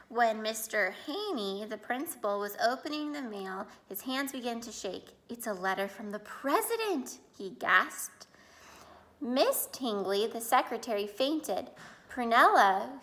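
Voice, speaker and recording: A woman's voice: a little high, expressive, a little slow, a bit bright. A woman teacher expressively reading a picture book aloud to children, adding asides to her listeners.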